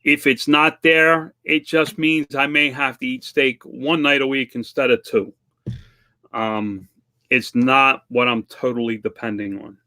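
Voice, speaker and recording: Unhurried and steady, this man's mid-range voice has a sharp edge. In his fifties, he hosts a vlog where he responds to viewer questions in a relaxed, plain-spoken manner, joking at his own expense.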